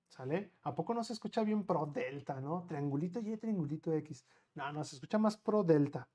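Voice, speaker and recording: A middle-aged man with a Mexican accent teaching a live online math class, chatty, firing quick questions at students and counting out steps slowly. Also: on the high side, warm tone, muffled recording.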